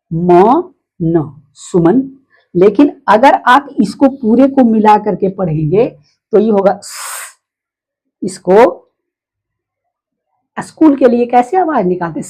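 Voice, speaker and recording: A woman teaches letter sounds to beginners at a slow, patient pace. Her voice has a husky, breathy edge. She keeps repeating herself and quizzing the listener as she goes. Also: a little high, a little mellow, poor audio. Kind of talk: phonics lesson.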